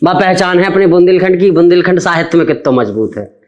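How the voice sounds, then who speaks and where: A man's voice: sits high, expressive, fast, dull audio. A man hosting an interview, asking folksy questions and giving brief acknowledgments. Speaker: interviewer host. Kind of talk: casual interview chat.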